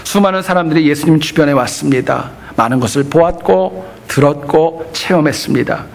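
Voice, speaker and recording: A man's voice: fairly high pitch, a little fast, vocal fry. A male pastor preaching a sermon in church, earnest and teaching, with humorous asides.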